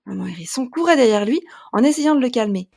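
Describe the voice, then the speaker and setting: A woman narrating a children's storybook in a gentle, lilting way. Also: on the high side, expressive, quick pace, vocal fry. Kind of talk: storybook reading.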